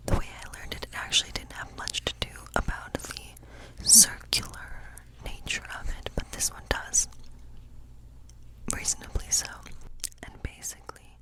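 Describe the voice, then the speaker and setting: Here a woman takes on the role of a warm-hearted forest witch for ASMR, laying out tarot cards as she whispers slowly and breathily. She sounds thoughtful and comforting, though the audio is low in quality.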